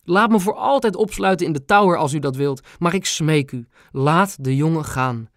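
A man's voice: fairly high pitch, normal speed, fairly bright tone, no echo, studio quality. A man voicing an elderly grandmother who is devoted to her grandson. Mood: pleading. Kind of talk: audiobook character voice.

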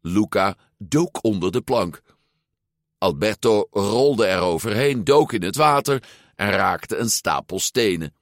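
A man reading a storybook aloud as narrator, expressive and unhurried. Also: fairly low pitch, no echo, studio quality.

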